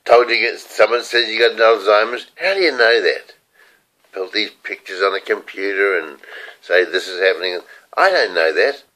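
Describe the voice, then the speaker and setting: Man, 70s, New Zealand accent, lowish voice; rambling, candid home video diary. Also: animated, normal speed, sharp tone, poor audio. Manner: rambling, candid, swears casually. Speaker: video diarist. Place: room at home.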